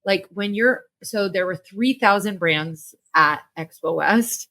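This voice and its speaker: A woman's voice: medium pitch, takes it slowly, pushed and bright. A woman podcast co-host in casual chat, joking and self-deprecating.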